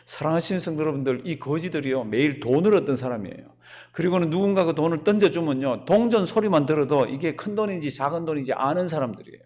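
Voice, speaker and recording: A man's voice: on the high side, fast. A male pastor preaching a sermon in a church, asking the congregation frequent rhetorical questions. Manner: animated preaching with rhetorical questions and acted quotes. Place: church sanctuary.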